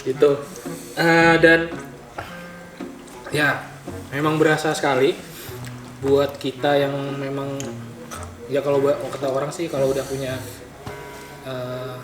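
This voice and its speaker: A man, chatting casually as a podcast host while eating, his mouth sometimes full. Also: medium pitch. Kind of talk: casual chat over food. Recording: echoey room with music behind.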